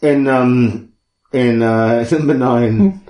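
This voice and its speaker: A man co-hosting a podcast, reading out a list with jokes, swearing and frequent laughter, a little hoarse. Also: medium pitch, very slow, darkish tone. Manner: jokey, swearing, laughing often. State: losing his voice. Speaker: podcast co-host. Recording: roomy echo.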